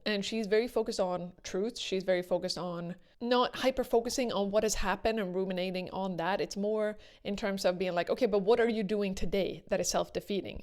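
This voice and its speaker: A woman's voice: mid-range voice, a little mellow. A woman talking casually to viewers as a video commentator, earnest and emphatic, repeating words for stress.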